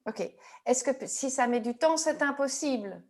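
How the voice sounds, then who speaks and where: Speaking at a moderate pace, an EFT practitioner with a strikingly high voice guides a tapping session. Her questions come calmly, one after the next, as she patiently coaxes out what her client fears.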